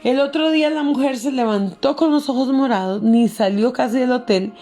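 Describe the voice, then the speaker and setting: Woman pastor, gravelly and warm. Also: high-pitched, normal speed, faint music behind. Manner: earnest storytelling, addresses listeners as beloved. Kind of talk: sermon with personal story.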